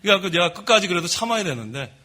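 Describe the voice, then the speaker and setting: A middle-aged man preaching a sermon from the pulpit of a church, telling stories about himself in a lively way. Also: sits high, very fast. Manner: lively storytelling, admits his own faults. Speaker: pastor. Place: church sanctuary.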